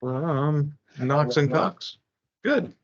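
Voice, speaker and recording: A man chairing a public board meeting, speaking procedurally and haltingly as he works through formal business. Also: fairly high pitch. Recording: muffled, band-limited meeting recording.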